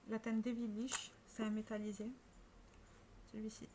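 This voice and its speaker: A woman's voice: fairly high pitch, level tone, moderate pace, noisy background. A French-speaking woman talking casually to camera about her makeup, chatty and showing each product with small restarts. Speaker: beauty vlogger.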